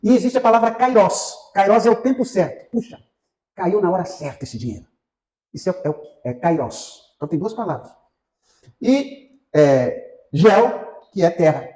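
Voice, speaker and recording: Brazilian man, Bible class teacher, chatty lecture with fillers, high animated voice, echoey room. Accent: Brazilian Portuguese. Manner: conversational, asks the class questions, many fillers. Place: church classroom.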